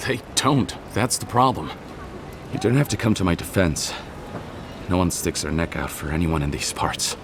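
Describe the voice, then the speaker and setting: An actor playing a frightened, timid apothecary in a video game, who stammers nervously. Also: male voice, low voice, animated, normal speed, background noise. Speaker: apothecary shopkeeper.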